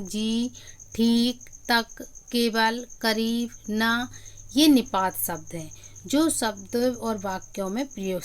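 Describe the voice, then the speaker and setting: Woman, teacher, fairly high voice, lesson for children, repeats and stresses key words, asks then answers. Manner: explanatory, asks questions then answers them. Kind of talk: classroom-style grammar lesson.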